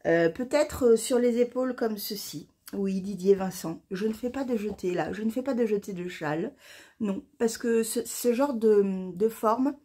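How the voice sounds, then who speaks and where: Excitable French woman chatting, slightly husky. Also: medium pitch, moderate pace. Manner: excited, rambling, stumbles over words. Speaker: knitting vlogger. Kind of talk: casual chat to camera.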